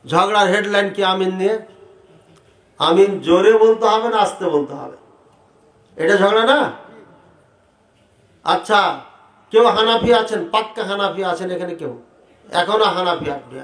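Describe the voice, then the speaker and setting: A man preaching to a crowd, animated and rhetorical, asking the audience questions directly. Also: sits high, normal speed, pauses often. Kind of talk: sermon debating prayer practice. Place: large hall with audience. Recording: echoey hall sound.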